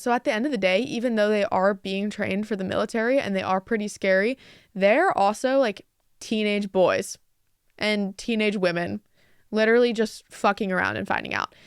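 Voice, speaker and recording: Young woman podcaster rambling through a story, lots of "like", bit of vocal fry, smooth clear voice, dry close mic. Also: mid-range voice, no room sound. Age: young adult. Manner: chatty, lots of "like" fillers, quotes people in dialogue. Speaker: podcast host. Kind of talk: casual storytelling.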